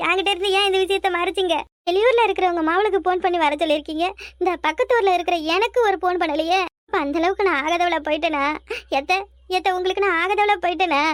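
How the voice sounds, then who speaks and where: A woman's voice: very high voice, fairly bright tone, dry recording, studio quality. A woman voicing a tearful, pregnant young daughter-in-law in a cartoon, speaking with a Kanyakumari Tamil accent in a wailing, pleading manner. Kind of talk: cartoon voice acting.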